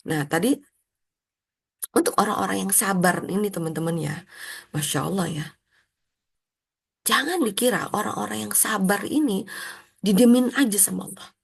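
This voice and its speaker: Gravelly-voiced woman giving a chatty faith lesson. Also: normal speed, pauses often. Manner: chatty, animated, acts out quoted prayers in a high voice. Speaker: religious self-help trainer. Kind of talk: casual religious lesson.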